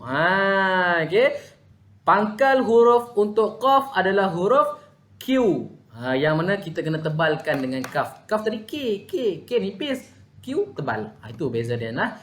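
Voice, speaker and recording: A man's voice: high-pitched, big pitch swings, fairly bright tone. A man with a Malaysian Malay accent teaching Quran recitation in an online lesson, patiently sounding out letters. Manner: patient, demonstrates letter sounds slowly, frequent "ha". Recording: echoey room.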